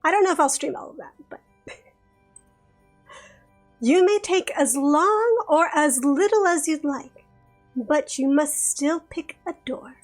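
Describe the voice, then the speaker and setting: Giggly high-pitched woman streamer reading game narration, soft music underneath. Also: animated. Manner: giggly and chatty, reads narration slowly. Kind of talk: reading a visual novel aloud on stream.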